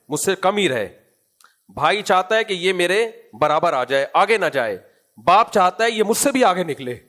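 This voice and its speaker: This preacher's voice is high-pitched and a bit bright, carrying a Pakistani Urdu accent. Lecturing on Quran commentary, he raises rhetorical questions only to answer them, and in asides he playacts offhand scolding.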